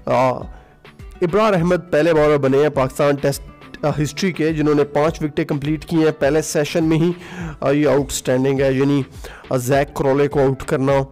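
This cricket vlogger's casual voice-over, made away from the ground, runs at normal speed over soft background music. His voice is on the high side with a darkish tone and flat delivery, and his solo commentary is full of filler sounds and occasional English phrases.

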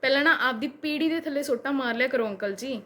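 A woman's voice: high voice, quick pace, bright, forceful tone. A young woman with a Punjabi accent, a vlogger firing back at a critic with repeated rhetorical questions. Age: young adult. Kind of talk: reply video rant.

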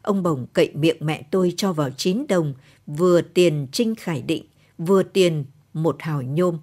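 A woman with a Northern Vietnamese accent reading a short story aloud in a calm, even late-night storytelling manner. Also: low-pitched, measured pace. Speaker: story reader. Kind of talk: scripted narration of a short story.

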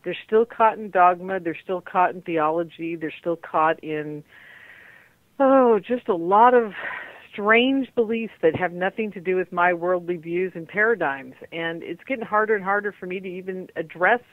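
A woman's voice: on the low side, moderate pace, no room sound. A woman hosting a radio show over a landline phone, talking in a rambling, candid and discouraged way. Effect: calling in over a landline phone. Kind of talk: unscripted monologue. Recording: tinny dry phone line.

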